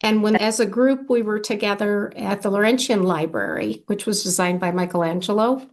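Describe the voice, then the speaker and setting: A woman's voice: mid-range voice, animated, moderate pace. Woman in her 60s, architect, chatty and reflective, lots of you know and um. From Argentina. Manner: thoughtful, conversational, with fillers. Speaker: architect and firm founder. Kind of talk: casual interview.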